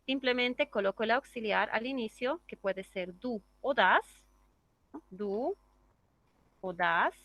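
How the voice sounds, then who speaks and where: A woman's voice: fairly high pitch, normal speed, few pauses, fairly bright tone. A woman teaching an English grammar class, explaining step by step and checking in with the class through tag questions. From Bolivia.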